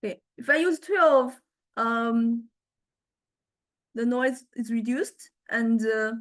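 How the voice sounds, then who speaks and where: This lecturer's software walkthrough is casual and unscripted, delivered unhurriedly by a woman with a fairly high voice. She speaks haltingly and hesitantly, often pausing to check in.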